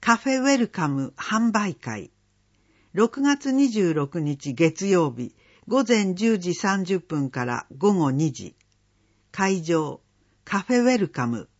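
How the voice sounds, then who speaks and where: Slow, husky reader of community listings. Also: medium pitch, sing-song. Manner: slow, measured listing of dates and phone numbers. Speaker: announcement reader. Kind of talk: reading community event listings. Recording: dull lo-fi recording.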